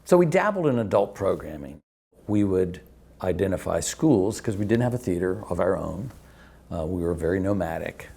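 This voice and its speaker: A man in a documentary interview, recalling events in a reflective, measured way. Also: low-pitched, expressive, vocal fry, mellow, breathy edge.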